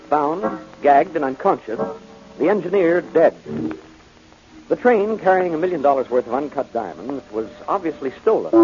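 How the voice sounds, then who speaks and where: A man reading the scripted narration as announcer of an old-time radio show, with a measured, lively delivery. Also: on the high side. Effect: old-time radio broadcast sound. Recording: lo-fi old radio broadcast, loud music underneath.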